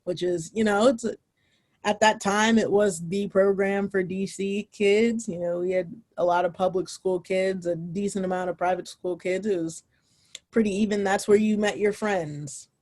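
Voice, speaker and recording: A woman's voice: mid-range voice, steady tone, moderate pace, darkish tone. A young woman, a former college footballer, casually telling her story as a podcast guest, with many fillers and restarts.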